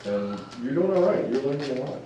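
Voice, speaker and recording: A man's voice: mid-range voice, lively intonation, fairly quick, lo-fi sound. A man hosting a casual group podcast, easygoing as he steers the conversation along. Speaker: podcast host. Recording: roomy, distant mic, faint noise.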